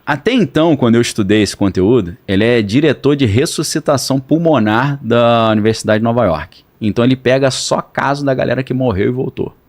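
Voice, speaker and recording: A man's voice: mid-range voice, brisk, hardly any pauses. Brazilian man, podcast guest, explains in an easygoing, conversational way. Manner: relaxed, explains with slang and analogies.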